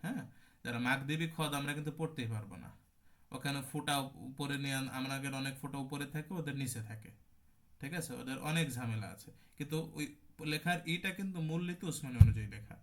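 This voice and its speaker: A man with a Bangladeshi Bengali accent teaching an online class on Quran recitation, at a middle pitch for a man. He explains patiently, goes over the terms again and sounds out words to demonstrate them. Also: fast.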